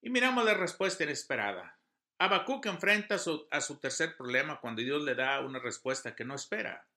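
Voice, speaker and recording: Earnest high-voiced male preacher, very bright. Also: animated, fairly quick. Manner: earnest, emphatic reading of scripture and news. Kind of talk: devotional sermon.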